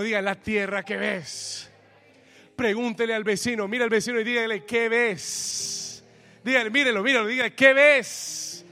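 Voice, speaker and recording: A man's voice: very high-pitched, pushed and bright. A man preaching a fervent sermon as pastor, calling on the congregation to repeat after him and echoing his lines in English.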